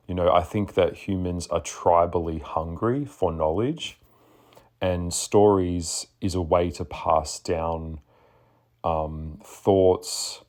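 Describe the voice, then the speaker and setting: A man with a deep, husky, just-woken voice, chatting casually as a podcast host in a sassy, blunt way. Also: darkish tone. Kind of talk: casual spoken monologue.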